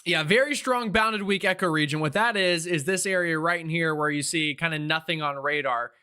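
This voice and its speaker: Bright, higher-pitched man covering a storm live. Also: fairly quick, clean tone. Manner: urgent, excitable, thinking aloud. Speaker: live weather stream host.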